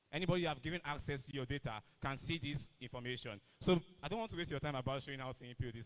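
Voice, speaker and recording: A man's voice: on the high side, fairly bright tone. A young Nigerian man with a Nigerian accent giving a casual live demo of an app, often saying "you know". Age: young adult. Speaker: student presenter. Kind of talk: live product demo presentation.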